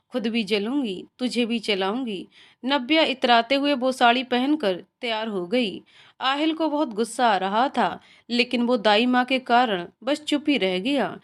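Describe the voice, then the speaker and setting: A woman reading a scripted story aloud as its narrator, in an even, expressive way. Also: a little high.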